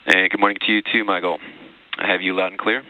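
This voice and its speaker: A man's voice: low-pitched, little pitch movement, fast. A man speaking as a launch director on astronaut radio, in procedural but collegial comm checks. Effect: radio transmission. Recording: tinny narrow-band radio link.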